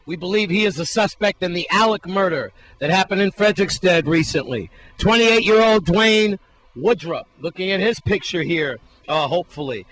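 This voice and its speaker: A man's voice: sits high, fairly bright tone, rough recording. A man, reporting from the field for a local TV news station, stressing and repeating key words. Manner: emphatic, repeats key words, asks viewers to remember.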